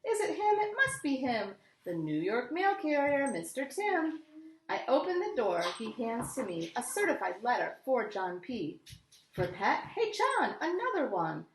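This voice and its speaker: A high-pitched, slightly slow female voice reads a picture book expressively for young listeners. She is an American storyteller who adds casual asides, recorded in an echoey room with slight background noise.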